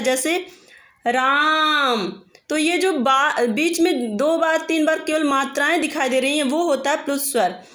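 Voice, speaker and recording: A woman's voice: sits high, a bit bright, echoey room. A woman teacher giving a patient grammar lesson, stretching out example vowel sounds as she explains.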